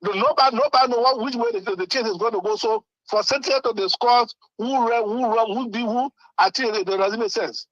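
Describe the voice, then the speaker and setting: A man's voice: very high-pitched, expressive, a little fast, hardly any pauses, fairly bright tone, dry recording, highs cut off. A man putting questions in an argumentative community discussion, insistent and often repeating words. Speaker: panel caller putting questions.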